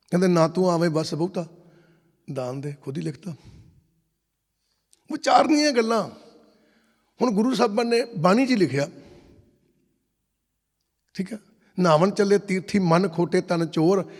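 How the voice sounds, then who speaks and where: A man's voice: high-pitched, darkish tone. A man preaching a sermon, telling stories and acting out the dialogue of the people in them. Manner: storytelling, acts out dialogue in quotes. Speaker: Sikh preacher. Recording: long hall reverb.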